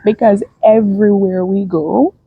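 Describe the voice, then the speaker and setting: A woman's voice: medium pitch, steady tone, unhurried, breathy edge, no echo, narrow, tinny audio. A young woman, co-hosting a casual chat with her partner and laughing often as she tells their story. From Jamaica. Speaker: co-host of a couple's channel.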